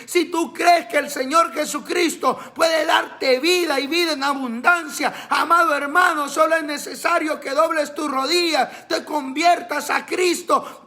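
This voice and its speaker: High-voiced man preaching slowly. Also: sharp tone. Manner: fervent, repetitive preaching with frequent invocations. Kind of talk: sermon with prayer and scripture reading.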